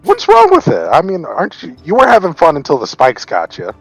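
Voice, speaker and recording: A man chats in character during a tabletop game. He talks quickly with extremely swinging intonation, over faint music. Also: a little high, huge pitch swings, creaky, low-quality recording. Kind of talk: casual role-play chat.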